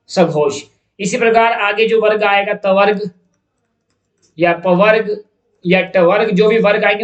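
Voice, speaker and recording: A man teaches an exam-prep lesson, working through each question step by step and repeating key terms. His voice sits high for a man. The room is echoey. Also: muffled recording.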